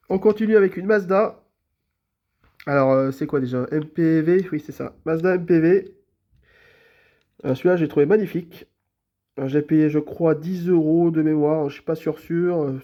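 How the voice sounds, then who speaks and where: Recorded with the highs cut off, a man whose voice sits on the high side casually presents his toy cars for a vlog. He's suffering from a cold with a stuffy nose, and his friendly, talkative delivery brims with hesitations and repeated fillers.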